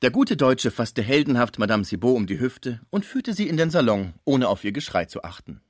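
A man narrating a classic novel as a measured, expressive radio reading. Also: mid-range voice, no echo, clean studio sound.

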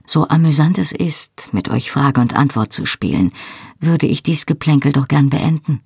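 A woman voicing a quick-witted, defiant young woman under questioning in an audiobook. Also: low-pitched, lively intonation, gravelly, darkish tone, breathy edge, no room sound, studio quality, heavily acted. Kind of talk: audiobook reading.

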